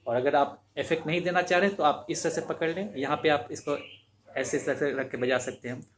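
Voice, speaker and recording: A man's voice: fairly high pitch, steady tone, brisk, faint music behind. A man teaching beginners harmonica, explaining patiently and repeating each step as he demonstrates. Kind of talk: instructional demonstration.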